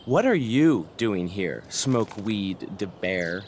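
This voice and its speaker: A man's voice: fairly low pitch, very animated, takes it slowly, a little mellow, a little hiss or hum. A man acting an earnest, articulate, somewhat pompous teenage student activist in a video game. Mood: disapproving.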